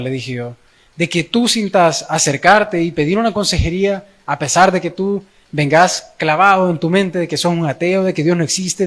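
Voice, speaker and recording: A young man with a Salvadoran accent telling a personal testimony in a sermon, using casual slang and acting out dialogue. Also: sits high. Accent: Salvadoran Spanish. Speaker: young preacher.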